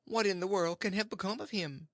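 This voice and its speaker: A man voicing an excitable, fretful farm wife in an audiobook, gushing and breathless. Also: on the high side, a little slow, dry recording, studio quality, pitched above the performer's own voice, heavily acted. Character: excitable fussing middle-aged farm wife. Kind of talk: audiobook character voice.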